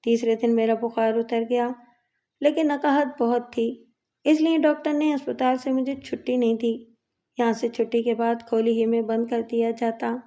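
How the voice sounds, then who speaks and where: A woman narrating a story in a steady, measured way. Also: a little high.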